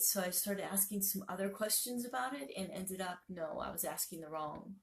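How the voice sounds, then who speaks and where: Gravelly low-voiced woman vlogger. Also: reverberant. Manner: rambling, self-correcting, many fillers. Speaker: spiritual vlogger. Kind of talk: casual talk to camera.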